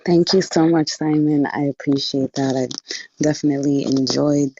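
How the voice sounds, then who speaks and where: A woman's voice: sits low, fairly even intonation, normal speed, noisy background. Polite woman podcaster, lo-fi audio. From South Sudan. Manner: polite, friendly, with many fillers. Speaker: podcaster guest. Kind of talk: brief self-introduction. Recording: dull lo-fi online audio.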